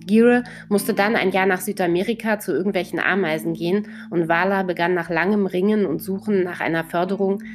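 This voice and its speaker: A woman with a lower voice reads a first-person novel aloud. Her delivery is calm and measured, and faint guitar music plays behind her. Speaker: audiobook narrator.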